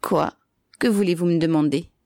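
Gadoun, a woman doing a hoarse old man. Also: lowish voice, normal speed, warm tone, no room sound, studio quality, natural voice. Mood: calm gruff. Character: hoarse old bearded man, placid and grumbling.

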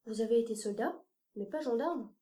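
A woman's voice: on the high side, moderate pace, dark tone, close to an everyday voice. A woman voicing a polite, trusting little boy in an audiobook. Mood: earnest. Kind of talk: audiobook character reading.

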